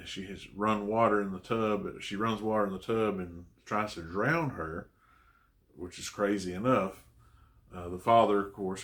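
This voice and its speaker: A man's voice: sits low, a bit bright. A man reviewing a horror film, recapping the plot in a rambling, conversational and amused way.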